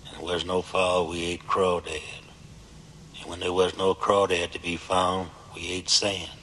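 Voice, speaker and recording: An actor playing a grim man who tells of hardship in a solemn, deadpan way, heard as a film clip. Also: a little slow. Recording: echoey film audio with faint rumble.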